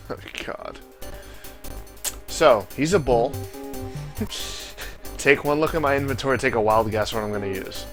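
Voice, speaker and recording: A man's voice: medium pitch, a little slow, long pauses, soft background music. A man hosting a let's play, giving casual commentary on a game. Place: voice-over on game footage.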